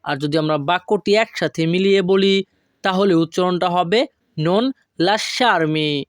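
A man from Bangladesh giving a language lesson, breaking phrases down and drawing out each foreign word slowly. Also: sits high, dry recording, studio quality. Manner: slow, drawn-out word-by-word pronunciation of foreign phrases. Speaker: language teacher.

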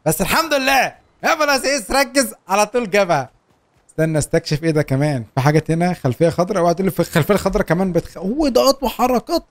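Excitable young Egyptian man gaming. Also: high voice. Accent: Egyptian Arabic. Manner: animated, laughing, quick banter. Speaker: gaming YouTuber. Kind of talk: excited gameplay chat.

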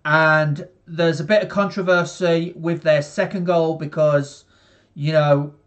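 Young English guy, live match watchalong streamer; slow, rambling, filler-heavy, slightly high voice, bedroom headset sound. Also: muffled recording. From England. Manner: rambling, many fillers, talks slowly to viewers. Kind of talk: casual live match commentary to chat. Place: small bedroom.

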